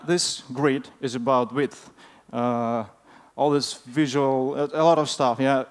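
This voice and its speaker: Halting male conference speaker, clear smooth voice. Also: medium pitch. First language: not English. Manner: hesitant, halting delivery with frequent fillers. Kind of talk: informal technical presentation.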